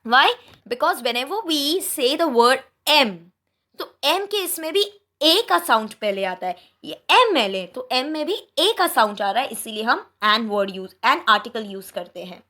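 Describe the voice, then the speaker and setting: Lively high-voiced Indian woman teaching grammar. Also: slow pace. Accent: Indian English. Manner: mixes Hindi and English, addresses students directly, checks understanding often. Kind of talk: online grammar lesson.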